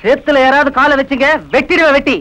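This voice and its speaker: A man's voice: very high-pitched, fairly even intonation, quick pace, sharp tone, a little hiss or hum, rough recording. An actor playing a young village man who oversees the field workers, scolding and then tender with his cousin. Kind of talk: TV drama acting.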